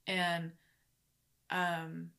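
A young pregnant woman chatting casually on camera in a soft, tender way with many fillers. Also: fairly low pitch, completely flat delivery, extremely slow, gravelly. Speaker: vlog co-host, pregnant mother. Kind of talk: casual couple chat to camera. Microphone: microphone on camera.

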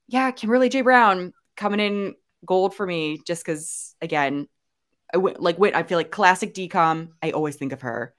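A young woman co-hosts a casual podcast, her fairly low voice moving at a moderate pace. She's chatty and loose, with lots of fillers and restarts.

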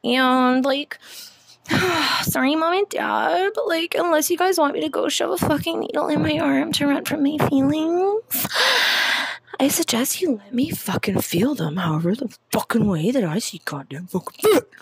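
A woman's voice: high-pitched, normal speed, vocal fry. A young woman rambling emotionally to camera at home, swearing freely and talking to herself. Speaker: vlogger. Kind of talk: rambling casual self-talk to camera. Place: at home, lying on the floor.

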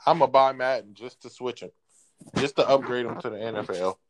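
A man co-hosting a casual gaming podcast, joking and sarcastic, quick to laugh. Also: mid-range voice. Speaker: podcast co-host. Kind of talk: casual chat.

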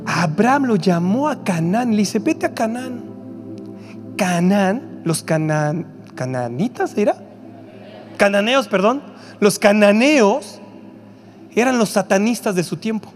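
Male preacher, Mexican accent, very high pitch, church auditorium, faint music. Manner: animated, rhetorical questions, quick asides to the crowd. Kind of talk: sermon.

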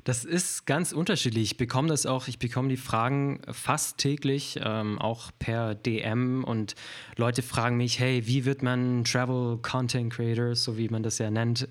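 A man from Germany chatting as a guest on a casual podcast, his voice sitting at an ordinary middle pitch. He hesitates often, backing up and restarting his sentences as he explains his work. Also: steady tone, unhurried. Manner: hesitant, many fillers and restarts.

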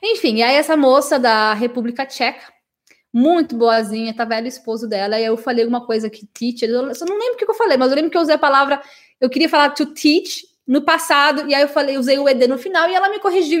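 A woman's voice: high-pitched, quick pace. A Brazilian woman teaching English in a live lesson, chatting with viewers and tagging her sentences with friendly questions. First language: Portuguese. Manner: chatty and warm with her audience, many "né?" tags.

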